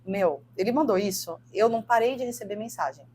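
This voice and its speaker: A woman's voice: medium pitch, fairly quick, a little mellow, a little hiss or hum. A woman in her thirties with a Brazilian Portuguese accent, a podcast guest and gym coach telling a personal story in an earnest, emotional way, repeating words for emphasis.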